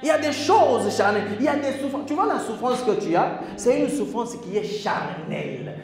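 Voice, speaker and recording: Male preacher, high lively voice, builds to shouts, echoey hall with faint music. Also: normal speed. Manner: animated, switches languages, builds to shouting. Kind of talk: conference sermon. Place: church hall.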